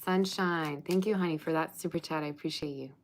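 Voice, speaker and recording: A Russian woman does a livestream tarot reading, chatty and teasing, reading viewer comments aloud and singing bits of old songs. Her voice sits low with a steady tone and a fairly quick pace. The recording is rough, with a little hiss or hum.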